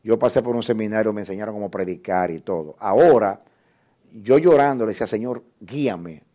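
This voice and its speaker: A man's voice: fairly low pitch, fast talker, mellow. A male guest pastor preaching a sermon, telling an emotional testimony with repeated words and reading scripture aloud with rising force.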